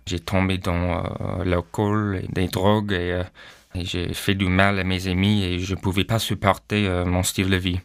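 Low-voiced hesitant man. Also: flat delivery, normal speed, clear, resonant tone, no echo, clean studio sound. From Canada. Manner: hesitant, frequent "euh" fillers. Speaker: pastor, guest. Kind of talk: personal testimony.

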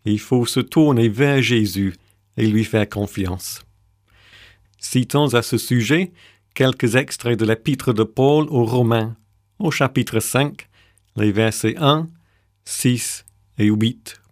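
A man hosting a Bible reflection show, reading his scripted narration in a measured, composed way. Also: mid-range voice, no echo, clean studio sound. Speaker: radio show host.

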